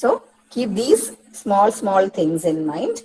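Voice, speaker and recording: A woman's voice: mid-range voice, wildly swooping pitch, drawn-out words, dark tone, a little hiss or hum, low-quality recording. A woman with a Malayali accent teaching English pronunciation for an exam, explaining step by step and repeating key words. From Kerala, India. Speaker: English tutor. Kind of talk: exam-prep lecture mixing Malayalam and English.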